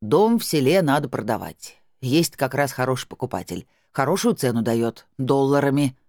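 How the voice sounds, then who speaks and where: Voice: mid-range voice, expressive, normal speed, a little mellow, dry recording, clean studio sound, natural voice. A reader voicing a drunk, coarse middle-aged woman who shrieks slurred abuse. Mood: scornful. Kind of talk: audiobook character voice.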